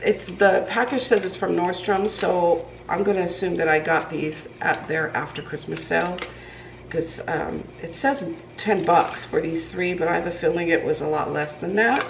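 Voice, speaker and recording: A lowish, steady voice with vocal fry comes from a woman baking in her home kitchen, speaking at a moderate pace for a casual cooking vlog. Nasal from a cold, she rambles with lots of ums and restarts. Filmed on a camera propped on the counter, the recording is rough, with slight background noise.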